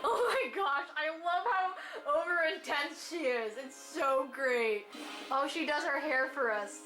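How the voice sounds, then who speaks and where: A woman giving excited game reaction commentary, gasping and squealing as she plays. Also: high-pitched, slow pace. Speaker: gaming channel host. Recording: game music loud beneath voice. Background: game music.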